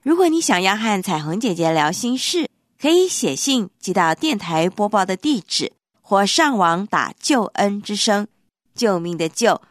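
Give me a sweet woman hosting a kids' radio show, animated and dry. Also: mid-range voice, no room sound. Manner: sweet, talks to children. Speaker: children's radio host. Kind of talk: children's radio sign-off.

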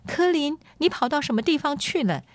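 A woman voicing a gentle young queen who pleads and reproaches in a quick, high voice, in a radio audiobook reading. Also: no room sound, lightly acted. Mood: anxious. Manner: quick, high-pitched, imploring.

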